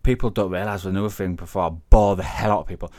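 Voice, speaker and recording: A man's voice: deep voice, steady tone, fast talker, darkish tone, no room sound, clean studio sound. A man hosting a casual paranormal podcast, chatty and rambling, often correcting himself mid-sentence. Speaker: podcast host, paranormal investigator.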